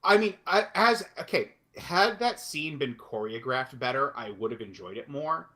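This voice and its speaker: A man co-hosting a podcast in casual chat, animated and swearing, often laughing. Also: mid-range voice, normal speed. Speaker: podcast co-host.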